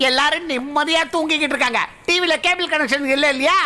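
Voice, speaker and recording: A woman's voice: sits high, fast talker, pushed and bright. An actress playing a cheeky young woman who chattily fusses over sleeping elders, in film dialogue. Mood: teasing. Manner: teasing, chatty. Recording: film soundtrack with music behind.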